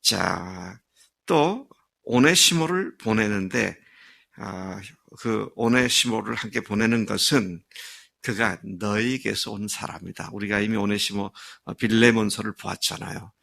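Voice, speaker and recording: A middle-aged man preaches with earnest emphasis, stretching key phrases and pausing on small fillers. His voice sits low and gravelly. It carries a husky grain and a sharp, bright edge. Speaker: pastor. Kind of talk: sermon.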